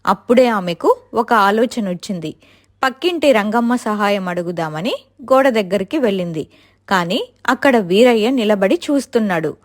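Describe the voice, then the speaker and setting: A woman telling a family story in steady, expressive scripted narration. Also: medium pitch, normal speed.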